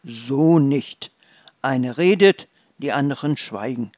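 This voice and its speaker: A reader doing a gruff old farmer. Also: takes it slowly, a little mellow, no echo, studio quality, lightly acted. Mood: stern. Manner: low, firm and gruff. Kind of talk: storybook reading.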